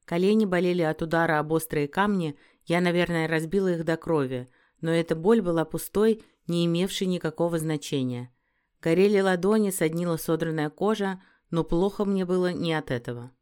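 A woman's voice: fairly low pitch, fairly quick, a little mellow, smooth. A woman narrating a first-person fantasy audiobook in a dramatic, emotive reading.

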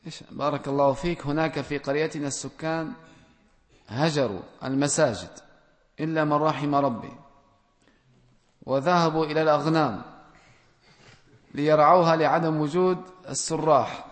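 A man reads out audience questions and answers them one by one as a religious scholar, giving plain, direct rulings and gentle admonishment. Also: on the high side, fairly even intonation, normal speed, pauses often. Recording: long reverb from a large hall.

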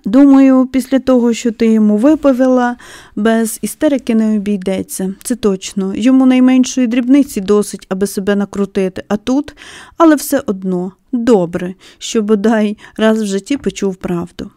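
A woman's voice: a little high, normal speed, warm tone, no echo, studio quality, close to an everyday voice. A woman voicing a young nurse who talks in an offhand, mocking way in a storybook reading. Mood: dismissive. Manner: mocking, dismissive.

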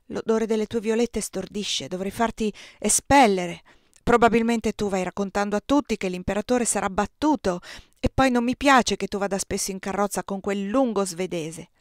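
A woman's voice: mid-range voice, moderate pace, no room sound, close to an everyday voice. Give me a woman playing a reproachful, flirtatious emperor in an audiobook, dry and close. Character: irritable aging male emperor, suspicious and flirtatious.

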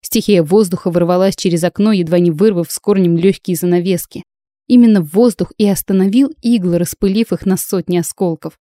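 A woman reads a first-person fantasy novel aloud with expressive storytelling. Her voice is mellow and warm, recorded close and dry with no room sound. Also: lowish voice, brisk, no echo. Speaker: audiobook narrator.

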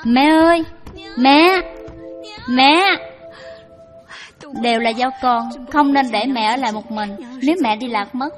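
A young woman voicing a devoted, gentle widowed daughter-in-law who speaks softly and humbly. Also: a little high, fairly even intonation, brisk, few pauses, soft background music, natural voice. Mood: anxious. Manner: soft, pleading, humble.

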